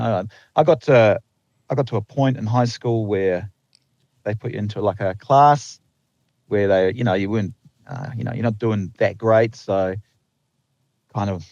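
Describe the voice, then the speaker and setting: A lineman originally from the Netherlands, with a slight New Zealand accent, rambles through a casual podcast interview, using lots of fillers and restarting often. His voice is fairly low, gravelly, and darkish in tone. The recording is a bit lo-fi, without echo.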